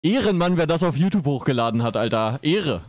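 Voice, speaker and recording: A man's voice: fairly high pitch, animated, fairly quick, a little mellow, a little hiss or hum. A man giving casual reaction commentary on a video, laid-back and joking. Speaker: streamer reacting to a clip.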